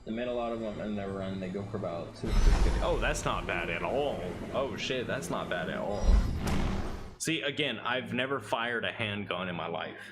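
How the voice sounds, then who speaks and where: A man's voice: lowish voice, moderate pace, heavy background noise. A man in his late twenties chatting casually and profanely while playing a game, rambling between rounds. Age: 20s. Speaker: streamer. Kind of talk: casual chat while gaming.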